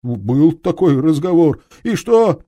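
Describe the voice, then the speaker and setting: A man's voice: on the high side, big pitch swings, slow, dark tone, pitched above the performer's own voice, exaggerated voice. A man voicing a cowardly petty thief who whines and pleads in an audiobook. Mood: whining. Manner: whining, pleading. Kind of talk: audiobook character reading.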